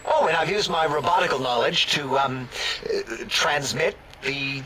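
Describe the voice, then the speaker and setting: A man's voice: fairly high pitch, a little slow, pushed and bright, slight background noise, low-quality recording. An actor voicing a rambling, scatterbrained male scientist in a video game, full of hesitant asides. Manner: meandering, hesitant, with sarcastic asides.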